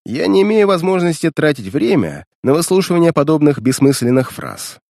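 A man's voice: fairly high pitch, very animated, brisk, gravelly, a little mellow, no echo, studio quality, voice pushed up. Nick Carter, a man doing a scornful detective. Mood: dry. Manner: contemptuous, stern, clipped. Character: male detective, cold, scornful, commanding. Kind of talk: reading a detective story aloud.

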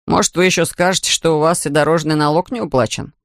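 A man's voice: a little high, steady tone, fast, a bit bright, no room sound. A man voicing a stern, weary male police officer in an audiobook, with a dry, official manner of speaking. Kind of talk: audiobook character voice.

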